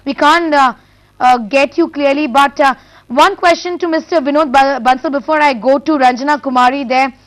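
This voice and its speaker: A woman's voice: high voice, moderate pace, poor audio. A woman with an Indian accent moderating a live news debate, firm but polite as she steps in.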